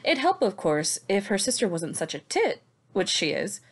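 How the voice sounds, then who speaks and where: Recapping books as a podcast co-host, this woman has a medium-pitched, slightly rough voice and a very animated manner at a moderate pace. Her casual talk is sweary, sarcastic and emphatic, and it sounds scripted.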